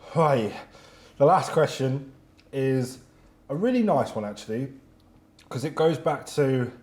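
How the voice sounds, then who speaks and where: A man's voice: mid-range voice, dark tone. Man hosting a hot wing challenge. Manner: chatty, laughing, reacting to spicy food. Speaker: host. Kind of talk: casual interview during a hot wing challenge.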